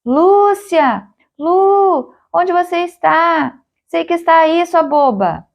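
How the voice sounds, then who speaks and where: A woman voicing a young boy who calls out anxiously in a cold wood, in high calling shouts. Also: lively intonation, takes it slowly, creaky, heavily acted. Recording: dull lo-fi recording.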